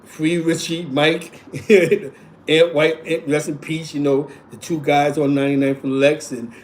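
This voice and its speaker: With a fairly high but darkish voice, level in tone and measured in pace, this forties-aged host from East Harlem shares neighborhood tales. His New York accent colors a rambling, repetitive delivery full of "you know what I'm saying," in a casual streetwise storytelling style.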